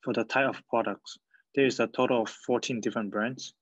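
Male student presenter, flat delivery, halting read, dry dull lo-fi recording. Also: mid-range voice, dry recording.

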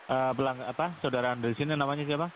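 Fast-talking man over a muffled phone line. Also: medium pitch, fairly even intonation. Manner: polite but pushy, tags sentences with "ya". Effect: heard over a phone line. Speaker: caller posing as a police officer. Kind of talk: formal, official-sounding phone talk. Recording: dull, lo-fi phone line with faint hiss.

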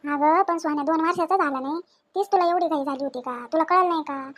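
Scolding high-voiced woman in a home drama. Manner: scolding, demanding, quick-tempered. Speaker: mother-in-law in a home drama.

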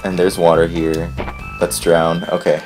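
A man hosting a let's play who rambles casually, gets excitable and swears when things go wrong, and whose voice is strained from recently losing it. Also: low-pitched, a little slow, faint music behind. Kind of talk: casual gameplay commentary.

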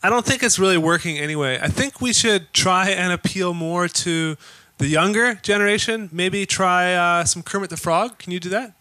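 A man collaborating on a video, casually pitching ideas. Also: moderate pace, bright, forceful tone, no echo.

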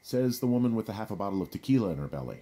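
An actor playing a wry, cautious fire lookout with a dry, sardonic manner in a naturalistic video game. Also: male voice, lowish voice, very animated, racing, dark tone. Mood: uneasy.

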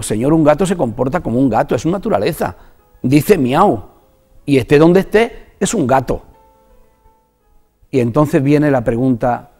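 Earnest Spanish pastor with a mellow voice. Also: male voice, medium pitch. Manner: earnest, halting, repeats words when moved. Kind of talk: personal testimony in a religious TV interview.

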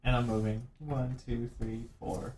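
A man's voice: medium pitch, a little slow. A man playing a board game on a stream, rambling with chuckling asides. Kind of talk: casual game-night banter on a stream. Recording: echoey room with steady noise.

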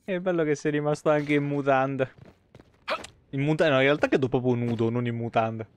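Streaming a video game from a small room indoors, this thirtysomething man with a Roman Italian accent talks casually, slangy and sweary, muttering asides as he plays. His mid-range voice keeps a fairly even intonation at normal speed, with slight hiss or hum in the background.

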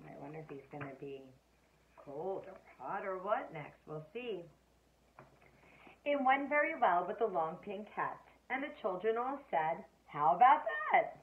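Woman teacher, slow lively read-aloud voice, tinny phone-quality audio. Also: fairly low pitch, a little hiss or hum. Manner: expressive, asks listeners questions.

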